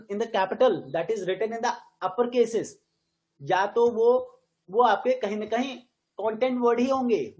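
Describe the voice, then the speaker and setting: A woman with an Indian accent teaching an English grammar class, switching between Hindi and English and slowing right down to model stressed words. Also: medium pitch, a little mellow, lo-fi sound. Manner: quizzes the students with frequent questions.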